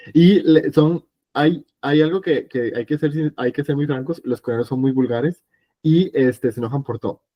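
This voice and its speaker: A man's voice: fairly high pitch, dark tone. Patient man teaching a language class. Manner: patient, repeats sounds slowly for students. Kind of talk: online class lesson.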